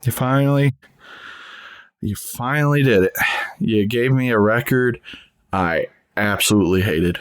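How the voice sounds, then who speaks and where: A man's voice: medium pitch, measured pace, pauses often, clean tone, no echo, clean studio sound. A man co-hosting a podcast, chatting casually with jokey, blunt short reactions. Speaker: podcast co-host.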